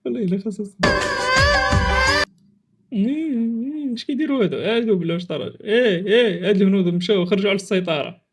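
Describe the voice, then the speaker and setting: Reacting to funny clips for his videos, a Moroccan-accented man speaks with a high, slightly rough voice at a racing pace. He's casual and teasing, full of exclamations, with faint music in the background.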